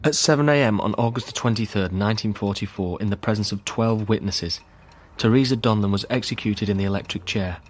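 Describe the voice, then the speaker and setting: For a radio drama, an actor with a natural, lowish voice plays a sober man reading a grim account. His delivery is solemn, measured and matter-of-fact.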